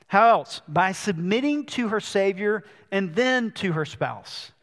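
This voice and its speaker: A male pastor preaching a sermon, slowing down to read scripture and leaning hard on key words. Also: sits high, animated, fairly bright tone. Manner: reads scripture slowly, stresses key words. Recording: long church reverb.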